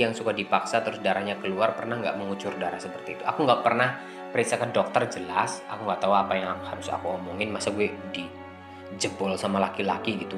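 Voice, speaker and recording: A man from Indonesia narrating his own life story as a confession, candid and halting, with many fillers and restarts. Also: on the low side. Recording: echoey room with music underneath.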